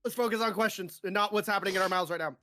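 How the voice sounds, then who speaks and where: A woman's voice: medium pitch, rapid-fire, sharp tone. A woman hosting a live stream hot sauce challenge, groaning and complaining as the spice burns her mouth and eyes. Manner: groaning and complaining through spicy food. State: mouth burning, eyes watering. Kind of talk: casual live-stream chat.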